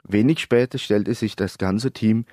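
A man narrating a story in a steady, even reading voice. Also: lowish voice, measured pace, no echo, studio quality.

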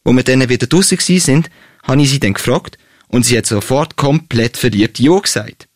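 A man's voice: mid-range voice, moderate pace, no room sound, clean studio sound. Young Swiss German man reading a story. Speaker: student author. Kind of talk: reading his own story aloud.

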